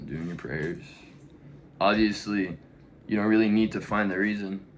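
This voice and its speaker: A young man talking in a casual, rambling way, full of slang and "you know", often dropping into mumbled, breathy asides. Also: deep voice, slight background noise. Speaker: vlogger. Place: backyard outdoors.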